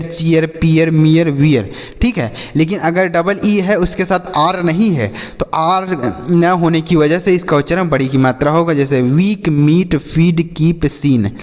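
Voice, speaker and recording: A patient male teacher with a slightly raised voice gives a phonics lesson to children. He repeats each point and asks questions that he answers himself. The recording has a long, ringing reverb. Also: on the high side. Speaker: English teacher.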